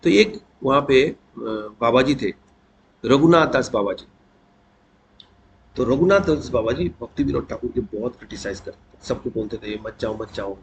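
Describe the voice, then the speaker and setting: A man giving a conversational devotional talk, telling a saint's story and often clearing his throat. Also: medium pitch, animated, normal speed. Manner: conversational, mixes English words into Hindi. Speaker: devotional speaker. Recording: dull lo-fi with faint noise.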